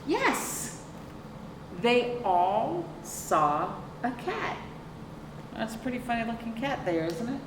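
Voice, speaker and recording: At storytime, a middle-aged librarian reads a picture book expressively and without hurry, quizzing the young audience with rhetorical questions and explaining deliberately. Her voice is a little high, and the sound is roomy and noisy, picked up by a camera a few feet away in an indoor room with a sofa.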